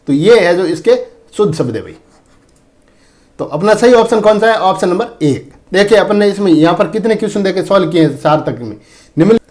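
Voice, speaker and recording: A man teaching exam prep in a fairly high voice. He goes through each point slowly and repeats himself, calling the viewers friends and brother. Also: darkish tone. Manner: repetitive, addresses viewers as friends and brother, often says "dekhen". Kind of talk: exam-prep lesson on Hindi spelling.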